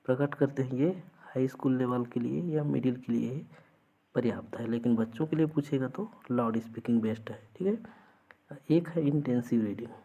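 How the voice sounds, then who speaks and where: A man's voice: mid-range voice, creaky, warm tone, slightly rough, muffled recording. A man teaching an exam-prep lesson, explaining through everyday examples and often checking that students follow.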